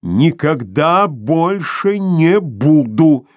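A man reading an audiobook voices a crude, cowed young man with a hoarse, rasping voice. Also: on the high side, sing-song, drawn-out words, no echo, pitched above the performer's own voice, heavily acted. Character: coarse crude young man, former dog. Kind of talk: audiobook character voice.

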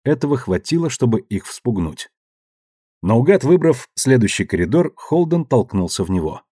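Dark husky male audiobook narrator. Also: medium pitch, very animated, moderate pace, no echo, studio quality.

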